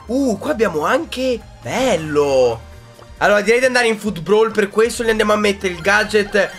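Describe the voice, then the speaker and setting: A young man with a high, bright voice commenting on his own gameplay. He swings from excited shouts to quiet, self-mocking mutters. Music plays faintly behind him. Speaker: gaming YouTuber.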